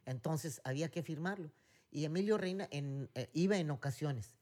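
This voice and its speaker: A man's voice: on the high side, moderate pace, darkish tone. Rambling Mexican man telling stories. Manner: rambling storyteller, many fillers and restarts. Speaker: podcast co-host. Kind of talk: casual chat.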